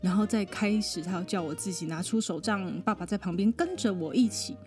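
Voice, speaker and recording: A woman, a psychologist guest on a podcast, telling a personal story in a lively way, often laughing and mimicking other people. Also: medium pitch, fairly quick, soft background music.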